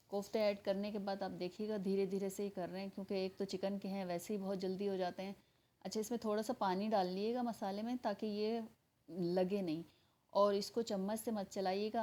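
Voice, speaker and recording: A woman's voice: mid-range voice, mellow. A woman with a Pakistani Urdu accent hosting a home cooking channel, chatting through a recipe step by step and speaking straight to her viewers. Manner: chatty, explains step by step, addresses viewers directly. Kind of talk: casual cooking tutorial voice-over.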